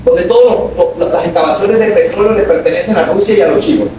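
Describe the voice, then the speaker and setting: A male pastor preaching a sermon to a congregation, calling for responses and rising to shouted exhortations. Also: high voice, a little fast, slight background noise. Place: church hall. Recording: very echoey hall, voice from far off.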